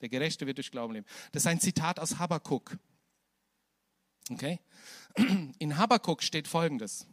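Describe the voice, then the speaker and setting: A man preaching a sermon, moving from soft, slow, hushed passages to loud, high, almost shouted climaxes. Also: lively intonation, no room sound, studio quality.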